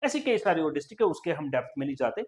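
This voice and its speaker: A man's voice: a little high, big pitch swings, racing, a little mellow. A male coaching teacher giving an exam-prep lecture, quizzing his students and repeating every answer. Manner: repetitive quizzing, keeps saying "okay" and "friend".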